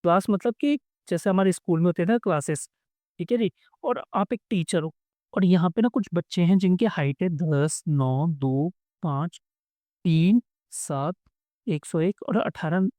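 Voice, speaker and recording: A man's voice: high voice, measured pace, warm tone, no room sound. A man teaching a coding problem in a casual, chatty way, talking to viewers as friends and acting out small back-and-forth dialogues. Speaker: coding tutorial instructor. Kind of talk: casual explanatory lesson.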